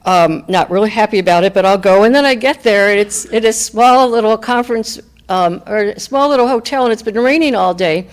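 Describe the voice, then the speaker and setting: A woman's voice: on the high side, a little fast, hardly any pauses. A woman speaking candidly and reflectively, in a conversational way, as she gives a personal recovery talk to a group. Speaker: speaker at a recovery fellowship meeting.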